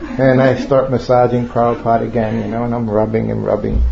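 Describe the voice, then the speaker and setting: A man's voice: mid-range voice, monotone, a little fast, vocal fry, dark tone, echoey room, highs cut off. A man casually telling a long personal story to a group, rambling and laughing often as he goes. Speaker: storyteller recounting memories. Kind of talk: casual anecdote told to a group.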